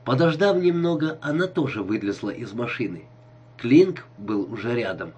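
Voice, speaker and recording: A man reads a novel aloud in an expressive storytelling voice. His tone is husky, and his pitch rises and falls widely. Steady audiobook narration. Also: normal speed, highs cut off.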